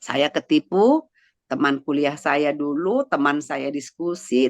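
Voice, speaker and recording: A woman's voice: low voice, creaky, dry recording. A woman giving a heartfelt personal faith testimony to a congregation, talking conversationally with many fillers and sounding close to tears. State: emotional, near tears. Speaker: church testimony speaker.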